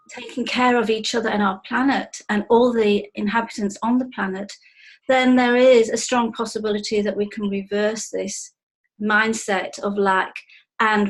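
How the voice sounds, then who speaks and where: A woman's voice: mid-range voice, low-quality recording. Earnest woman hosting a spiritual talk show. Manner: earnest, heartfelt, builds ideas in lists. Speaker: host.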